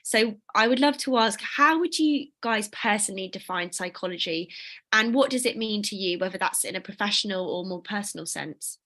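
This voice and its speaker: A woman's voice: mid-range voice, lively intonation, moderate pace, a bit bright. A woman hosting an online panel over a video call, upbeat and scripted. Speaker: host.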